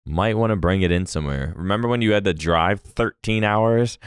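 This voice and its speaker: A man's voice: lowish voice, a little fast, clear, resonant tone, no room sound, clean studio sound. A man co-hosting a podcast, joking laid-back and swearing casually. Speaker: podcast co-host. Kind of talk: casual chat.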